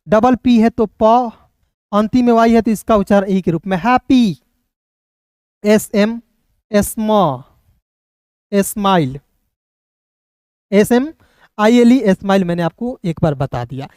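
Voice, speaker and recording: A man teaches reading by spelling each word letter by letter and then sounding it out. He speaks somewhat softly and keeps checking in with his viewers. The sound is dry, with no room echo. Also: sits high, moderate pace, clean tone. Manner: keeps addressing viewers as friends and checking they follow.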